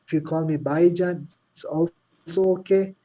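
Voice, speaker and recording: A Pashto-speaking man from Pakistan, with a Pakistani accent, chats casually on a video call, talking hesitantly and using many fillers. His voice is a little high yet dark in tone, steady, at normal speed, and the audio is dull.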